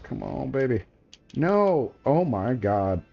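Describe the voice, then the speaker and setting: A man's voice: medium pitch, very animated, takes it slowly, gravelly, dull audio. A man giving casual gameplay commentary as a streamer, laid-back and chatty, slangy, talking to his chat. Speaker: game streamer.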